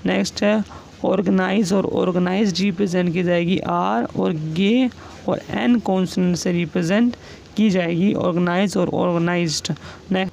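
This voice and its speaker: High gravelly male shorthand teacher. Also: fairly even intonation, a little mellow, low-quality recording. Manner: dictates each example word slowly and repeats it. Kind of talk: classroom explanation.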